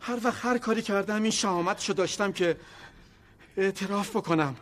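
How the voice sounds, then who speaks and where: A man's voice: high voice, a bit bright. An actor playing a father who pleads that he had nothing to do with his missing daughter, defensive and hurt in a television drama. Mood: pleading.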